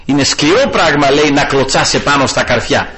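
A man preaching a sermon to his congregation, fervent, rising to loud exclamations and dropping to soft asides. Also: medium pitch, expressive, a crowd in the background, poor audio.

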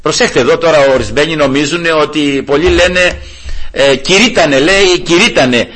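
A man preaching a Bible study sermon to his congregation, telling stories with animation and often addressing the listeners as brothers. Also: on the high side. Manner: animated storytelling, rising loud for retold shouts. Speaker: pastor.

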